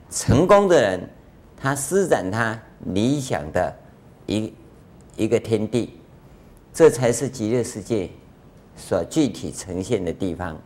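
An older man gives a Buddhist dharma lecture in a conversational way, full of rhetorical questions and drawn-out filler sounds. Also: mid-range voice, a little mellow. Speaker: Buddhist master giving a lecture.

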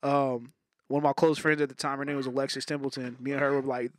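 A man's voice: medium pitch, flat delivery. A young man hosting a podcast, chatting casually and rambling with loose swearing. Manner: rambling, swears freely, quick bursts. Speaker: podcast host. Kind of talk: casual chat.

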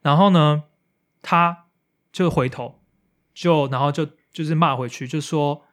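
A man's voice: fairly high pitch, unhurried, fairly bright tone. Man telling a story casually. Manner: storytelling, acting out quotes with English slang. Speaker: podcast co-host. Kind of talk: casual chat.

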